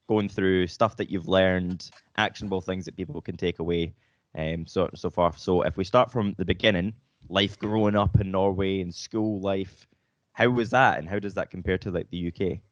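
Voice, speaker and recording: A man hosts a casual podcast in an upbeat, loose way, joking around and swearing now and then. His voice is very deep. The sound is dry and a little dull, with a lo-fi podcast quality. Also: dry recording. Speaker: podcast host.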